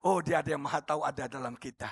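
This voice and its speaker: A man preaching a sermon as pastor, swinging between loud shouting and near-murmurs. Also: on the high side, rapid-fire, vocal fry, breathy edge, no echo.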